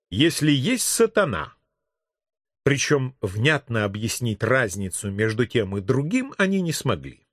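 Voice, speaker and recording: A man reading an audiobook in an expressive, measured manner into a close studio mic. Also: mid-range voice, no echo. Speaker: audiobook narrator. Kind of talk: scripted audiobook narration.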